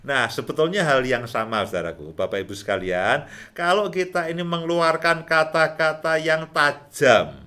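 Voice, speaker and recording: A man's voice: a little high, expressive, normal speed, pushed and bright. Chatty man giving marriage advice. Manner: chatty, repeats points, chuckles often. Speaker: host, marriage counselor. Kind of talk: relaxed advice talk on marriage.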